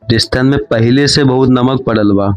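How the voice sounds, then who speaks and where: A man's voice: mid-range voice, moderate pace, soft background music, close to an everyday voice. A man voicing a naive but witty young village man who talks in a cheeky, playful rustic way.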